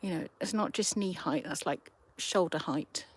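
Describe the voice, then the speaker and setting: A woman with a low, slightly rough voice hosts a casual riverside livestream, chatting slowly with viewers through her handheld phone and thinking aloud.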